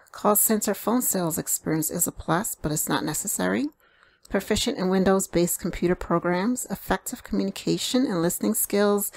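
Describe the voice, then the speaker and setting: A woman hosting an online video, pitching remote job openings in a plain explanatory way, speaking directly to viewers. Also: creaky, no room sound. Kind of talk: promotional work-from-home opportunity pitch.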